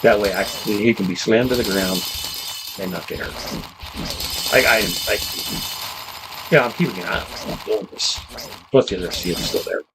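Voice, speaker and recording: A man streaming a game while casually telling a long story, animated and acting out the people he quotes. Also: moderate pace, pauses often, noisy background. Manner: animated, jumps higher in pitch when quoting people. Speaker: gaming streamer.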